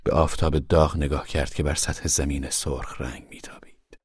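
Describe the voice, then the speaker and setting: A man giving measured, solemn scripted narration of a novel for a radio drama. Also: a bass voice, fairly even intonation, husky, no room sound, studio quality.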